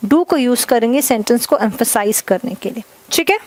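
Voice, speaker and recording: A woman teaching grammar in Hindi. She dictates example sentences slowly word by word and keeps checking in with "ठीक है". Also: on the high side, expressive, darkish tone. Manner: addresses viewers as "guys", repeats "ठीक है" often. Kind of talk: classroom grammar lesson.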